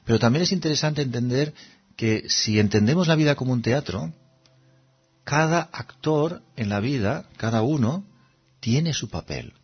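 Husky-voiced man from teaching meditation. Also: mid-range voice, animated, normal speed, dull audio. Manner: conversational, asks rhetorical questions, acts out little scenes. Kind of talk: reflective spiritual talk.

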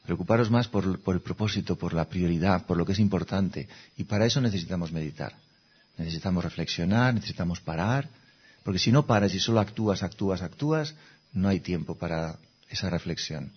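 Man, meditation teacher, calm reflective talk, low voice, dull lo-fi recording. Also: slightly rough. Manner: calm, conversational, checks in with listeners.

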